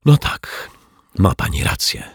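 A man's voice: low voice, wildly swooping pitch, moderate pace, vocal fry, breathy edge, no room sound, clean studio sound, heavily acted. A man voicing a dreamy, absent-minded detective in a children's audiobook, puzzled and earnest.

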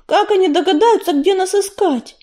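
A woman voicing a timid young female apprentice cat, anxious and breathy in an audiobook. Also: high-pitched, measured pace, warm tone.

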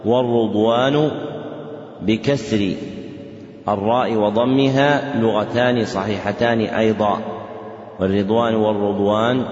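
A man with a fairly low voice teaches a religious class, slow and measured, saying each phrase twice so students can write it down. The recording is dull and lo-fi, with a long reverb that rings through a large mosque hall. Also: a little mellow. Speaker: Islamic scholar teaching a class. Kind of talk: dictated religious lesson.

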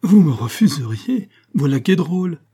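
A man reading aloud voices a vain, jovial man who laughs at everything and insists loudly. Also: medium pitch, moderate pace, lightly acted. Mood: insistent.

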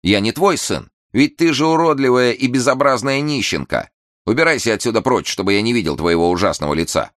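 A man's voice: low-pitched, lively intonation, normal speed, no echo, studio quality, voice pushed up. A man voicing a proud young boy with a harsh, scornful way of speaking in a storybook tale.

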